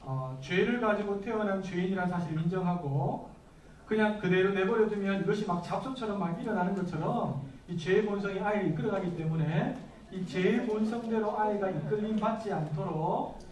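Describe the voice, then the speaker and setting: A man's voice: sits high, normal speed, a little mellow, a little hiss or hum. A man in his thirties, a pastor, preaching a sermon conversationally and asking the congregation questions. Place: church hall. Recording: echoey room from far off.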